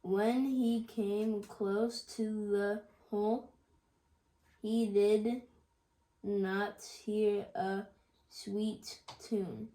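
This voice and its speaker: A learner reads aloud very slowly and halts on each word. The voice is mellow and soft. The echo of the room comes through. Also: female voice, medium pitch, steady tone. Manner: slow, halting word-by-word reading. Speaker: reading student. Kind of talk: reading aloud. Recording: echoey room.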